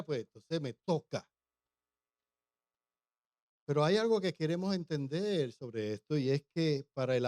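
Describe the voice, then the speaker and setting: A man's voice: a little high, darkish tone, no room sound, clean studio sound. A male pastor preaching a humorous sermon, often putting questions to the congregation.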